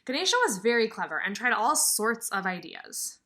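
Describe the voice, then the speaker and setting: Reading aloud to young children, a female kindergarten teacher explains the story emphatically and expressively and asks her listeners questions. She speaks at a moderate pace with a mid-range voice.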